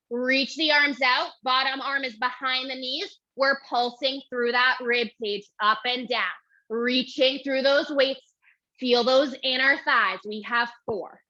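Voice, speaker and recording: On dull lo-fi audio, a young woman teaches Pilates while doing the workout herself, short of breath as she counts reps and cues moves. Her voice is fairly high, bright, and forceful.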